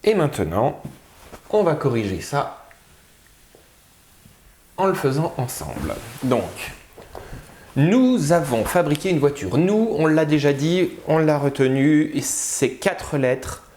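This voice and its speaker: A man teaching a spelling lesson, sounding out syllables slowly and carefully. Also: a little high, sing-song, a little mellow, roomy sound. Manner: slow, drawn-out, sounding out syllables.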